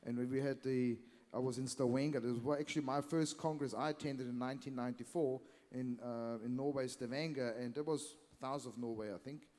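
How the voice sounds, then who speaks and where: A man's voice: medium pitch, fairly even intonation, fairly quick, hardly any pauses, dark tone. A middle-aged man hosting a live cooking session in a convention hall, chatty and teasing. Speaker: host of cooking demo sessions. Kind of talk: casual live event hosting. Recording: hall reverb.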